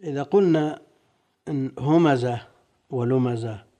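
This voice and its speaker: A man teaching as a sheikh. He reads out classical commentaries and explains them deliberately, drawing out key words. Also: medium pitch, dark tone.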